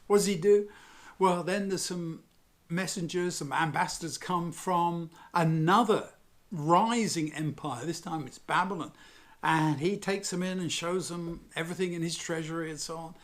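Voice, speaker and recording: A man with a slightly high voice leads a Bible study lesson. He tells the story in a chatty, animated way, tossing in asides and small chuckles as he goes. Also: normal speed. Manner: lively, conversational retelling with asides and chuckles.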